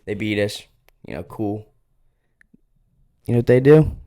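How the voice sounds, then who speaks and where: A young man with a fairly low voice co-hosts a casual sports podcast. He tells his stories with animated, teasing energy. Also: measured pace, no room sound, clean studio sound. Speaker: podcast co-host.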